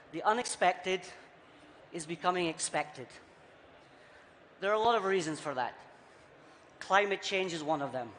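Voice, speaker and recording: This keynote comes from a Scottish man whose accent has mellowed after years living abroad, and whose voice leans high. He speaks punchily and rhetorically, repeating short phrases. The large conference hall makes the recording echoey, with faint noise in the background.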